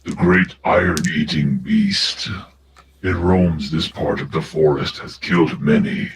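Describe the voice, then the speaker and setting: A man voicing a gruff orc war leader who speaks bluntly in broken, simple sentences. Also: rumbling low, measured pace, pitched below the performer's own voice. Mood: grave. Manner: blunt, grave. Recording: steady background hiss.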